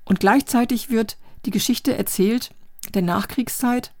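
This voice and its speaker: Woman, book review, measured delivery, deliberate pace. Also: fairly high pitch, a little mellow, no echo, clean studio sound.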